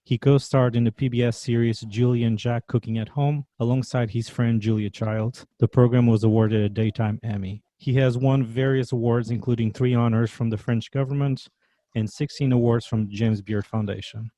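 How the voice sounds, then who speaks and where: Man with a Portuguese accent, dark tone. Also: medium pitch, steady tone, normal speed, no room sound. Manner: upbeat, loud scripted welcome. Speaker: podcast host. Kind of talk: podcast interview.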